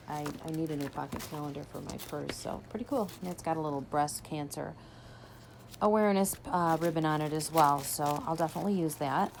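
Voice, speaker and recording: Hiccuping as she goes, a low-voiced woman vlogs the unboxing of a subscription box, chatting casually and describing every item she takes out. The background is noisy.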